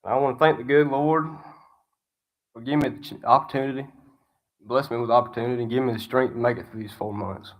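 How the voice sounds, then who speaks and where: A man's voice: mid-range voice, fairly even intonation, fast talker. A young man from Alabama with a Southern accent, giving a folksy, self-deprecating graduation speech at a ceremony. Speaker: student graduation speaker. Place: ceremony hall.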